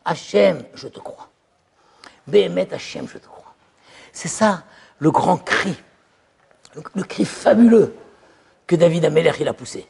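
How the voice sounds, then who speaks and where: A man giving an animated religious lecture as a rabbi, telling stories and acting out little dialogues. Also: a little high, unhurried, gravelly, pauses often, husky. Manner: lively storytelling, acts out voices. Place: yeshiva lecture hall.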